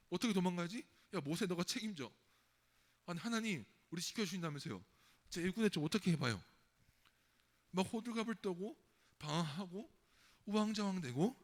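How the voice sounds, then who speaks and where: A man giving a sermon to children in a church, telling a Bible story in a lively way and acting out the frightened crowd. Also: fairly high pitch. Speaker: children's pastor. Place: church sanctuary. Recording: long hall reverb.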